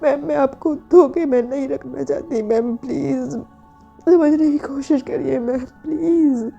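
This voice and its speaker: Woman doing young employee pleading with boss, insistent, higher voice, dark tone, lo-fi with soft music. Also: a little slow, gravelly. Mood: firm, apologetic.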